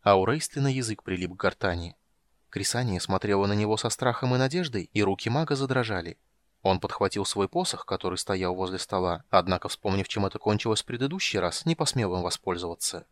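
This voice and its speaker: Man, scripted narration, expressive, lively intonation, dry close sound. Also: lowish voice, brisk, no room sound. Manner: expressive storytelling. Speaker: audiobook narrator.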